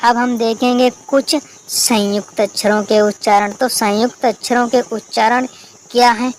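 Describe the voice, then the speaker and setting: A woman's voice: on the high side, fairly even intonation, normal speed, a little hiss or hum, poor audio. Woman teacher, recorded lesson. She spells out letters and asks her own questions. Faint crickets in the background. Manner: spells out letters and asks herself questions, then answers them. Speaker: English teacher.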